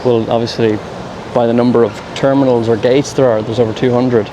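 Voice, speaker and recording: A man's voice: medium pitch, fairly even intonation, a little fast, background noise. A man giving casual travel vlog commentary, with understated, slangy, rambling asides. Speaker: travel vlogger. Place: walking around an airport terminal.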